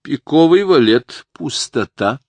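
A man's voice: on the high side, lively intonation, slow pace, darkish tone, no echo, voice pushed up, exaggerated voice. A man voicing a moody middle-aged woman fortune teller who gives clipped, ominous card readings.

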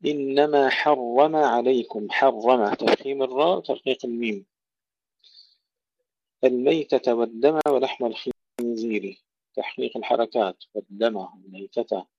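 A man teaching Quran recitation. He recites verses slowly, then explains the pronunciation rules and repeats words to contrast correct and faulty forms. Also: mid-range voice, gravelly, darkish tone, husky, no room sound. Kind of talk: tajweed lesson with recitation. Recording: dull lo-fi recording.

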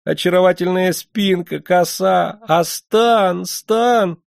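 Squealing, giggly male jester type, very high pitched, acted by a male reader. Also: slow pace, gravelly, dry recording, clean studio sound, exaggerated voice. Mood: laughing. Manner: shrill, squealing with laughter. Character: fat giggling male actor, mischievous hanger-on. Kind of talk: audiobook character voice.

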